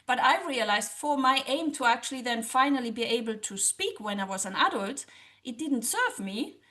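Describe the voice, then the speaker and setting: Interviewed as a guest, a woman from Germany, a native German speaker who coaches languages and studies social psychology, talks at normal speed. Her voice is high, earnest and animated, and she often voices her own past thoughts.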